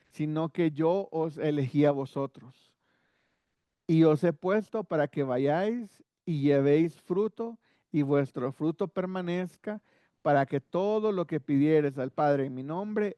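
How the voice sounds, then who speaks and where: Male Bible class teacher, unhurried, a touch high-pitched; chatty and explanatory, with rhetorical asides and frequent restarts; dry, close sound. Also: smooth, dry recording, dull audio. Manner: conversational, rhetorical asides, repeats words while thinking. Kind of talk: Bible study lesson.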